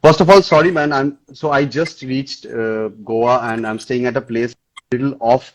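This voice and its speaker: A man's voice: mid-range voice, fairly even intonation, moderate pace. A man hosting a live online chat, his voice muffled as if heard through a wall, apologetic and full of restarts. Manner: apologetic, rambling with many restarts. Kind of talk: casual live-stream chat. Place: house off the grid with poor internet. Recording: muffled, noisy live-stream audio.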